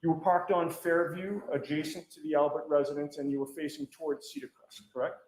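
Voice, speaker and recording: A man's voice: fairly high pitch, steady tone, brisk, darkish tone. A man questioning a witness as defense attorney, firing pointed leading questions that end in "correct?". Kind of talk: courtroom cross-examination. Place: courtroom. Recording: echoey courtroom.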